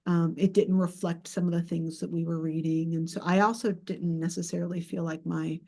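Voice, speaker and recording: A woman's voice: fairly low pitch, level tone, normal speed, gravelly, warm tone. A woman author with a Southern accent from Georgia speaking reflectively on a panel, with some hesitations. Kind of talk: panel discussion.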